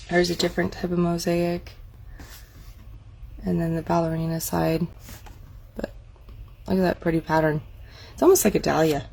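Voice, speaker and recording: A woman's voice: fairly low pitch, creaky, darkish tone, slight background noise. A woman casually walking viewers through a craft catalog, chatty and admiring, thinking aloud as she goes. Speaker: craft demonstrator. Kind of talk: casual product walk-through.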